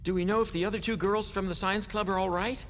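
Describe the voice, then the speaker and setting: A man playing an earnest young male leader in an anime English dub, calming the others down. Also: high-pitched, fast talker, in a large hall, slight background noise. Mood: firm. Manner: earnest, peacemaking.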